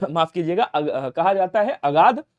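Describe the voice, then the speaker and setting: High-voiced man teaching in quick quiz style. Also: big pitch swings, darkish tone, dull audio. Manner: quick quiz-style teaching, asks and answers his own questions; drops to a low aside on reminders. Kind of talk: exam-prep grammar lesson.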